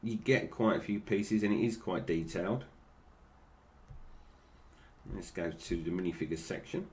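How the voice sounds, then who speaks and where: A man's voice: sits low, fairly quick, a little mellow, slight background noise. A British man giving casual, unscripted toy review commentary, with slightly slurred, toothless articulation that stumbles over names.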